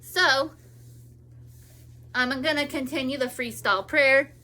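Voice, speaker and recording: A woman's voice: sits high, takes it slowly, sharp tone. A woman in her thirties from California, talking in a rambling personal monologue with many restarts and trailing thoughts. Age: 30s. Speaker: vlogger.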